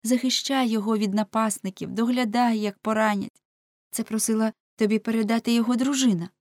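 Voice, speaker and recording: A woman's voice: a little high, steady tone, fairly quick, darkish tone, dry recording, clean studio sound, pitched above the performer's own voice, natural voice. A woman voicing a devout young servant girl in an audiobook, talking in an earnest, pleading way.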